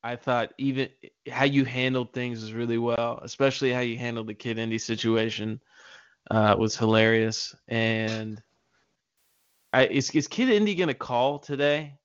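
A man's voice: mid-range voice, normal speed, clean tone, no room sound, muffled recording. Rambling, hesitant man on a dry call. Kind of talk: casual online show chat.

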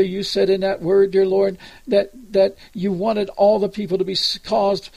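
Leading a spontaneous prayer, an American preacher pleads earnestly, calling on God time after time. His high voice is creaky, husky and darkish, with no room sound.

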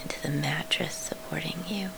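A woman leading a guided sleep meditation in a soft, soothing whisper, pausing between short phrases. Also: low voice, fairly even intonation, gravelly, noisy background.

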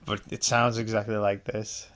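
A man's voice: fairly low pitch, flat delivery, normal speed, fairly bright tone. A young English man co-hosting a podcast, patiently explaining music trivia in casual album commentary. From England. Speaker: podcast co-host.

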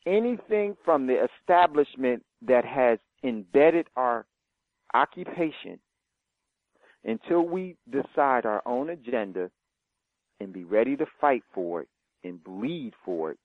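A man hosting a talk show, making forceful, deliberate declarations before handing over to his guest. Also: mid-range voice, expressive, dry recording. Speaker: host. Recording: dry, tinny phone-line sound.

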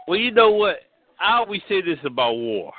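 A man's voice: sits high, big pitch swings, normal speed. A man calling in to a radio show over the phone, chatting casually and repeating words as he starts his sentences. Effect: heard over a phone line. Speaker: radio call-in caller. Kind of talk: casual call-in chat. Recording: tinny phone line.

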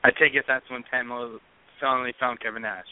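A man co-hosting a wrestling podcast, easygoing and quick to laugh. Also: mid-range voice, little pitch movement, clean tone. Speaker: podcast co-host. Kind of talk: casual chat. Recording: tinny phone-like dry sound.

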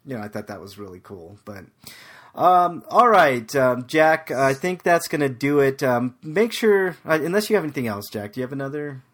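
A man hosting a casual podcast, talking haltingly with lots of fillers. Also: medium pitch, lively intonation, a bit bright. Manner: halting, many fillers and restarts. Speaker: podcast host.

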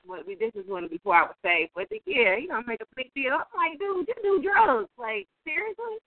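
A woman's voice: high-pitched, very animated, fairly quick, slight background noise. A woman on a speakerphone over a phone line, chatting casually on a prayer call and laughing easily.

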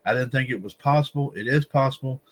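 A man hosting a wrestling news podcast, reading stories aloud with frequent stumbles and restarts and addressing listeners as ladies and gentlemen. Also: medium pitch, fast talker, poor audio. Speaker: podcast host.

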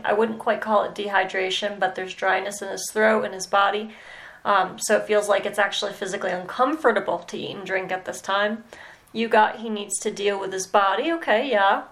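A woman mentoring a student in animal communication, talking slowly and hesitantly with many pauses and "okay"s. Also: mid-range voice, a bit bright, poor audio. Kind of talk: mentoring session.

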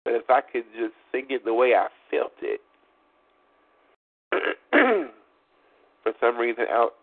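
This preacher and prophet has a medium-pitched voice with big pitch swings and a slow delivery, though his nose sounds blocked. At a live service he offers fervent prayer and exhortation in rhythmic repeated phrases, joking and chatting with the congregation between songs. The livestream sounds tinny and phone-like.

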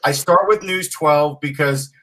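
A man's voice: on the high side, measured pace, far from the mic, crowd noise, poor audio. A man from Long Island co-hosting a casual sports podcast, opinionated and telling stories. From Long Island, New York. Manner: opinionated, storytelling. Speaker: podcast co-host.

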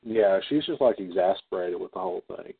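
A man's voice: deep voice, animated, brisk, vocal fry, breathy edge, dry recording. A man co-hosting a podcast, casually retelling a movie scene by scene with lots of fillers. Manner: rambling retelling with many fillers and quoted lines. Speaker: podcast co-host. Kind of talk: casual movie recap chat. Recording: dry tinny phone-like sound.

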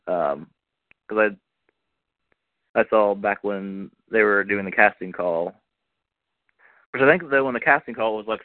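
A man with a lowish voice chats casually as a podcast co-host, opinionated and laughing easily. His voice comes through a thin, phone-like line with a dry, close sound. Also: no room sound. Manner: chatty, opinionated, laughs often. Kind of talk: casual chat about soap operas.

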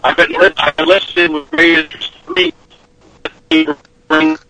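A man's voice: on the high side, big pitch swings, unhurried, gravelly, sharp tone, a little hiss or hum. Man on a phone line that keeps breaking up. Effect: phone line breaking up, cutting in and out. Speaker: guest calling in by phone. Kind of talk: debate on a talk show.

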